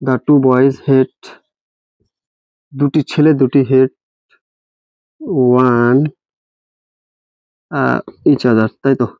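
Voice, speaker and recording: A man's voice: medium pitch, level tone, extremely slow, vocal fry, pauses often, dry recording. A man teaching an English grammar lesson, spelling words letter by letter and asking his students rhetorical questions. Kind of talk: classroom-style grammar lesson. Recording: dry, dull lo-fi recording.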